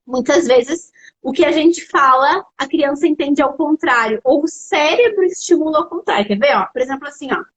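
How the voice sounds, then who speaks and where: A young adult woman with a Brazilian accent hosting a live stream as an educational psychologist, explaining parenting tips to viewers in an animated, direct way. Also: sits high, moderate pace, low-quality recording. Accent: Brazilian Portuguese. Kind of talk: casual live-stream advice talk.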